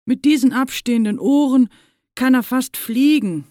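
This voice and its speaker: A woman's voice: high-pitched, normal speed, mellow, dry recording, studio quality, voice pushed up, natural voice. A woman doing a taunting schoolboy bully. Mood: mocking. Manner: taunting, scheming. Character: mean mocking schoolboy bully.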